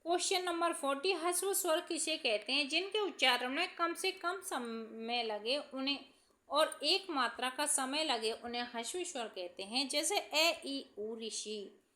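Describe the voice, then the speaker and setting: A young woman teacher reading out exam questions and answering each one, slowing down to list examples. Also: high voice, expressive, bright, forceful tone. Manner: reads each question, then answers it slowly, listing examples.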